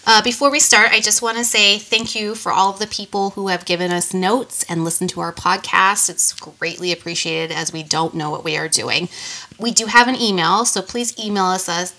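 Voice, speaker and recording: Bright-toned woman with a stuffy nose. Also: medium pitch, fairly even intonation, moderate pace. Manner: reads from notes with small restarts. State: nasal from a cold. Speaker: podcast co-host. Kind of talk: casual podcast reading.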